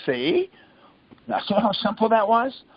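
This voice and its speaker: Over a muffled, lo-fi conference line, a male teacher quizzes a listener insistently in Socratic fashion. His voice is high-pitched, gravelly, and breathy-edged, very animated yet unhurried as he coaches the group call.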